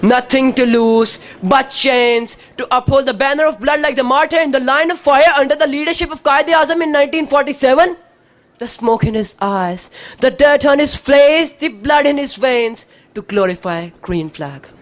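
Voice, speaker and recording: A woman with a Pakistani accent delivering a dramatic declamation speech, theatrical and emphatic, with deliberate, precise elocution in short phrases. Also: high-pitched. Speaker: student competitor in a declamation contest.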